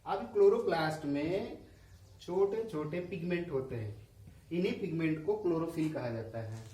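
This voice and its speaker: A male school science teacher with a Hindi accent explains a classroom lesson on diagrams, posing questions and answering them himself. His voice is a little high, animated and warm, at normal speed, recorded in an echoey room somewhat far from the mic.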